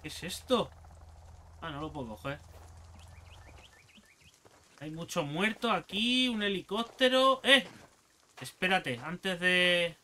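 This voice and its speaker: A slightly high-voiced man with a Spanish accent narrates his gameplay as a channel host. His tone is sharply bright and his pitch leaps around as he reacts, curses and mocks the enemies he fights. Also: takes it slowly, long pauses, slight background noise. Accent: Spain Spanish. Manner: excitable, swearing, taunting enemies aloud. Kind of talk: let's play commentary.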